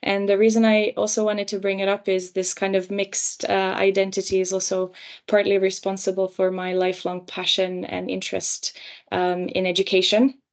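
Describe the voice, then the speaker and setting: A young woman raised in Romania and Finland, giving a measured career panel talk with frequent ums and uhs. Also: medium pitch, monotone.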